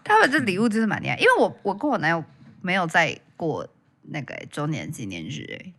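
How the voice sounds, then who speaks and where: A young woman co-hosting a podcast, talking in with a bright, forward tone. She chats fast and swoops up and down as she tells her stories, acting out each person she quotes. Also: fairly low pitch. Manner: animated storytelling, acting out the people she quotes. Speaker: podcast co-host. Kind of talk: casual chat.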